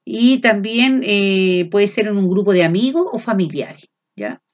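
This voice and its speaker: A woman with a Chilean accent teaching a language class, often checking in with her students and filling pauses as she explains. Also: mid-range voice, animated, dull audio. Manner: frequent checks of "¿ya?" and fillers; speaks loud without shouting. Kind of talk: classroom lecture.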